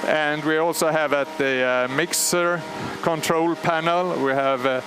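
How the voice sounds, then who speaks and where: In a large machine hall at a radio station, a Swedish man with a fairly high voice gives live technical commentary, calmly explaining step by step how an old transmitter is started. His measured delivery pauses often with fillers, while humming machinery, alarm bells and other background noise fill the air.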